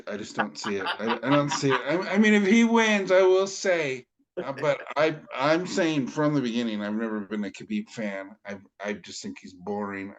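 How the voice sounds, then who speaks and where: A man co-hosting a casual fight podcast, heated and emphatic, often stammering as he restarts his sentences. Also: mid-range voice. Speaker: podcast co-host. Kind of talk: casual MMA podcast chat.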